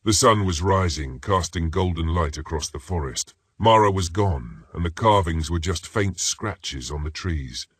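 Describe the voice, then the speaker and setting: A man reading first-person horror stories as a scripted narration, in a steady, ominous manner. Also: sits low, unhurried, hardly any pauses, slightly rough, dry recording, clean studio sound.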